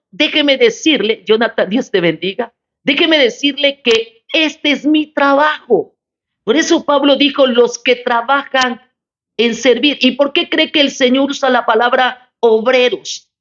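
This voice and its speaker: A woman pastor giving a Bible study lesson, speaking deliberately, repeating key phrases and checking in with her listeners. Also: on the high side. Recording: slightly dull lo-fi recording.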